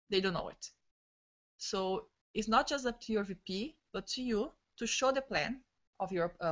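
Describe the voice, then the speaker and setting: A woman trainer leading an online team session, talking quickly and excitedly, restarting words, in non-native English over a video call. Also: mid-range voice. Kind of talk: live online training talk. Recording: dull lo-fi video-call audio.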